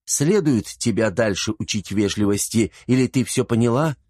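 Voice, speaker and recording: A man voicing a calm, commanding noble lady in an audiobook. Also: on the low side, moderate pace, slightly rough, dry recording, studio quality.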